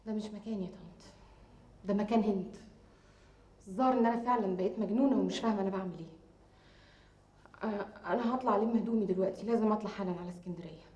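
An actress playing a hurt, unsure young woman with an Egyptian accent, speaking very quickly and softly. Her tone is mellow and dark, set in a roomy space. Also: mid-range voice, lightly acted. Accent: Egyptian Arabic. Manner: soft, hesitant, confiding. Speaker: actor in TV drama. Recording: roomy TV drama sound.

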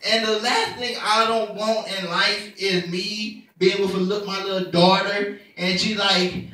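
Young guy doing stand-up in an echoey club, high bright voice, heard from kinda far off. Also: measured pace. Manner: animated, acts out characters with pitch jumps. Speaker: stand-up comedian. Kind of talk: stand-up comedy set. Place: comedy club stage. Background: audience laughter.

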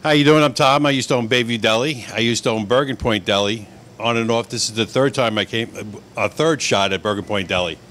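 A man's voice: mid-range voice, fairly bright tone, a little hiss or hum. A middle-aged man who owns a deli, speaking into a handheld mic in a friendly, upbeat way. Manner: friendly, upbeat, listing things quickly. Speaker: deli owner. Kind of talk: casual on-camera intro. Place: indoors in a deli kitchen.

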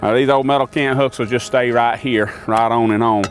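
Outdoors by a sawmill and in a wooded lot, an older man casually demonstrates sawmill tools, rambling folksily with many fillers. His medium-pitched voice keeps a steady tone at a brisk pace.

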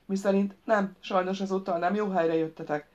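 A woman voicing a patient, wry woman of thirty in an audiobook, calm and explaining. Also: mid-range voice, dull audio, close to an everyday voice.

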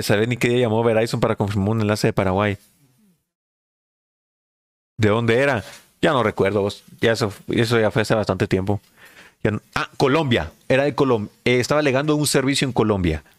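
A man's voice: lowish voice, fairly quick, pauses often, no echo. A man chatting and joking casually on a live stream.

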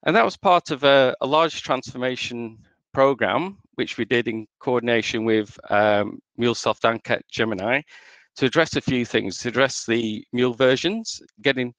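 Speaking at a normal speed in a medium-pitched, slightly bright voice, this integration manager from Northern England delivers a chatty conference talk at a meetup, often saying "um." Australian and American traces color his accent, and there's no room sound.

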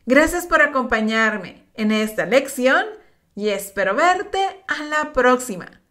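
A woman teaching a slow, patient bilingual English lesson, switching between explanations and English examples, encouraging her students. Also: high-pitched, lively intonation, fairly bright tone. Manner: patient, encouraging, spells out each step.

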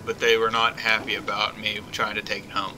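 A man's voice: lowish voice, completely flat delivery, fairly quick, over music, low-quality recording. A young man playing a co-op game, telling rambling stories in a laid-back, self-amused way. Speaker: co-op gameplay commentator. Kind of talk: casual gaming banter.

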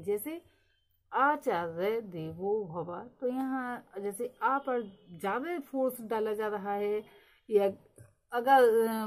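A woman's voice: fairly high pitch, rough recording. A woman teaching a lecture, explaining step by step and slipping English terms into her explanations. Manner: explains step by step, mixes English terms, slows to read English definitions.

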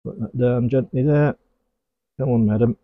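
A middle-aged man from England gives casual hands-on commentary while working at his beehives in a garden, talking kindly to the bees as he goes. His mid-range voice moves at a moderate pace. The sound is echo-free, narrow and tinny.

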